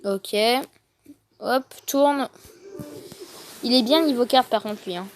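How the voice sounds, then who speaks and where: Excitable woman gamer, higher-pitched, noisy recording. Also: slow. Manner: thinks aloud, addressing viewers. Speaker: gaming video host. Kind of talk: casual live gameplay commentary. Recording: noticeable background noise.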